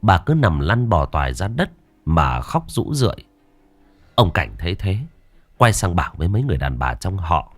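A man tells a ghost story in a lowish, lively voice that rises and falls with the drama. The recording is dry and close. Faint music plays underneath. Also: normal speed, no room sound. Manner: expressive, voices every character. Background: faint background music.

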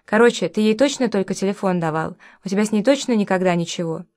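A woman's voice: medium pitch, fast, darkish tone, natural voice. Tough grown man, blunt, curt and commanding, read by a woman, audiobook dialogue. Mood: firm. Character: blunt, tough adult man, protective friend.

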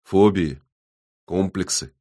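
Male narrator, audiobook, measured reading, very low voice. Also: warm tone. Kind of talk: scripted narration.

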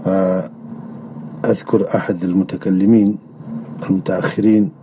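A man delivering a religious lecture on creed in a measured way, often pausing on drawn-out hesitation sounds. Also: deep voice, flat delivery, dark tone, slight background noise. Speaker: religious teacher. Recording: dull lo-fi recording.

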